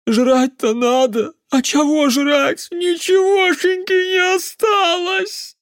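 A man voicing a drunk, tearful old village man who wails in a hoarse, high voice. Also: steady tone, takes it slowly, a bit bright, no room sound, clean studio sound, exaggerated voice. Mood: wailing. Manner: wailing, tearful rustic speech.

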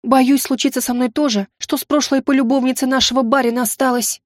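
A woman's voice: high voice, steady tone, fairly quick, dry recording, studio quality, voice pushed up. Woman playing a whimpering sly old-fashioned maid. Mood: tearful. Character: tearful, sly middle-aged maid with folksy speech.

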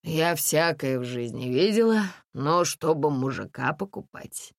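A stern, no-nonsense middle-aged mother gives orders in a dry, commanding tone, as a woman reader puts her on. Her voice moves lively, and the sound is close and dry. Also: deep voice, a little slow, no room sound.

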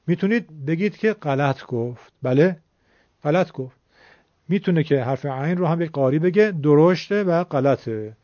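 A man's voice: a little high, dark tone, no room sound. Man teaching Quran recitation, muffled. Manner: slow, emphatic, demonstrates pronunciation. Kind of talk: radio-style recorded lesson. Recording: muffled lo-fi dry recording.

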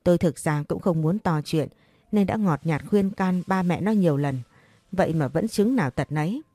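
Woman doing a vindictive middle-aged mother, loud, sneering, low-pitched, dry close sound. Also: moderate pace, dry recording, natural voice. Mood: scornful.

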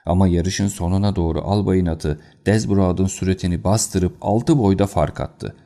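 Male audiobook narrator, low, gravelly, steady delivery. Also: normal speed.

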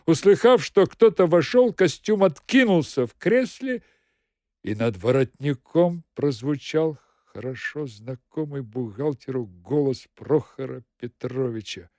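A man narrating an audiobook in a dramatic, deliberate way. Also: on the high side, darkish tone, no echo, clean studio sound. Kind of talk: expressive audiobook reading.

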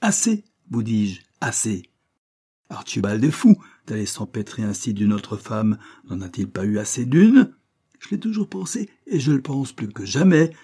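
A man reading an audiobook, voicing an irascible, sarcastic older spinster who scolds in loud outbursts. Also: mid-range voice, sing-song, unhurried, slightly rough, exaggerated voice. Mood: angry. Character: irascible sharp-tongued older spinster woman.

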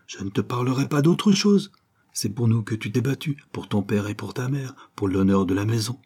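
A man voicing an aging, tender aristocratic father who talks in a hushed, emotional way in a storybook reading. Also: on the low side, a little fast, breathy edge. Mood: earnest.

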